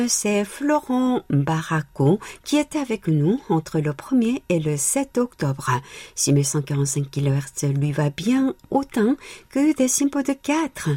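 A woman's voice: low voice, very animated, measured pace, mellow, no room sound. A woman hosting a radio programme, reading out scripted listener reports and letters. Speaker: radio host.

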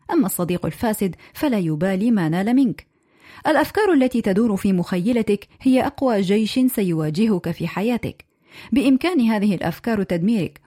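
A female radio presenter reading listeners' contributions aloud in a clear, measured way. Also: mid-range voice, warm tone.

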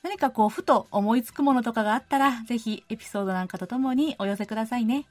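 A woman's voice: fairly high pitch, quick pace, no echo. A woman hosting a radio show, chatting in a friendly, easygoing way and reading listener letters in a studio. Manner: friendly, chatty, uses many fillers. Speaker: radio host.

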